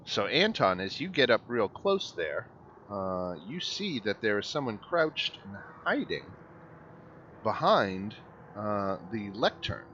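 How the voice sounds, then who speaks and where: A man narrating a tabletop game as game master, halting and pausing often. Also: lowish voice, big pitch swings, pushed and bright. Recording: slightly muffled, faint room noise.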